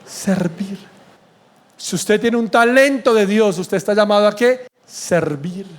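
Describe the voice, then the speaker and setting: A man's voice: sits high, slow. A male pastor preaching a sermon in church, emphatic and blunt, often throwing questions at the congregation. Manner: blunt and sarcastic.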